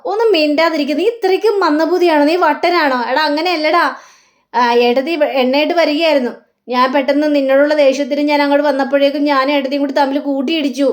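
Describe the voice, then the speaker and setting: An earnest young wife voiced by a woman pleads and apologizes. The voice sits high. She is a figure in a soap-serial retelling. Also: steady tone, fast talker, close to an everyday voice. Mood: pleading.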